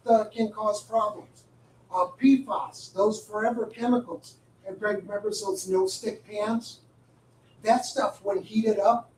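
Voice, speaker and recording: A man giving an informal briefing at a county board meeting, halting with many fillers and wry asides. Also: high voice, a little hiss or hum. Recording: echoey room, distant mic.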